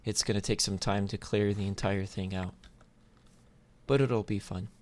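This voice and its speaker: Speaking at normal speed with fairly even intonation, a low-voiced gaming YouTuber gives laid-back, hesitant commentary while thinking through his play. Clicks and typing come through a noisy microphone.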